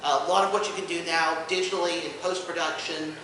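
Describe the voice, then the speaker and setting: Sharp and steady, a slightly high male voice moves fast as its owner, a panel host and podcast co-host, explains things with dry humor at an informal convention. The indoor room is echoey, the mic distant, and background noise is audible.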